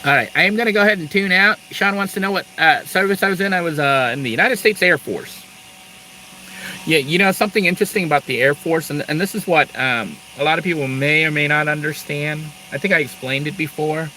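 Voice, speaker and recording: A middle-aged man from Thailand hosts a casual live stream with a bright, forceful voice. He rambles through asides and laughs between them. A faint hum sits behind him. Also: a little high, brisk, rough recording. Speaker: live-stream host, Air Force veteran.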